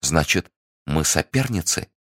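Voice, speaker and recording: A man voicing a scheming, manipulative French noblewoman who fakes warmth, talking in a feverish, insistent way. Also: a bass voice, sing-song, measured pace, no echo, clean studio sound, heavily acted. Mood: probing.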